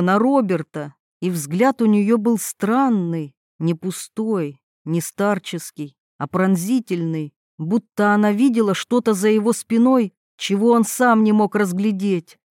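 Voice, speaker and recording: A woman narrating a storybook in a measured, even way, with a voice of ordinary pitch for a woman. The recording is dry and close, with no room sound. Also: no echo.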